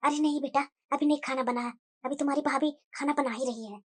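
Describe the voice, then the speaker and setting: A woman's voice: extremely high pitch, brisk, a bit bright. A woman voicing a suspicious, grumbling older mother-in-law in a cartoon moral story. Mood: hushed.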